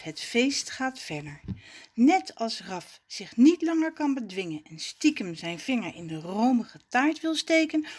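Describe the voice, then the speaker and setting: A woman narrating a children's story in an expressive storybook manner. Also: on the high side, husky.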